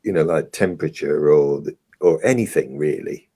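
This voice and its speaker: A man's voice: extremely low pitch, moderate pace, mellow, husky. A man chatting casually as a guest, in a hesitant, understated way that tends to trail off. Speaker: guest on an online show. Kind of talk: casual chat.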